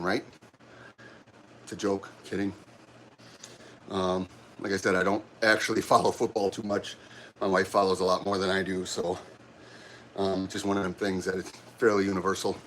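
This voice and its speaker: A man's voice: fairly low pitch, fairly bright tone, a little hiss or hum. Breathless middle-aged man chatting mid-workout. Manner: halting, friendly, rambling with many restarts. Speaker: livestream host. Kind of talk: casual chat while working out on a livestream. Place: gym during a workout. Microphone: camera set up nearby.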